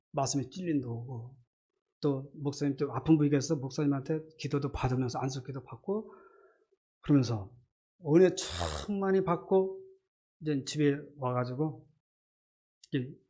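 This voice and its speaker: A middle-aged man, a church deacon, gives an earnest, halting personal faith testimony during a church service, with many fillers. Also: fairly high pitch, mellow. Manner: earnest, halting, many fillers, acts out his inner voices.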